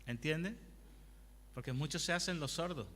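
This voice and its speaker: A male pastor preaches a conversational sermon in a church hall, putting questions to the congregation and sharing personal anecdotes. His voice is fairly high and a bit bright, his pace is moderate, and the recording has a long hall reverb.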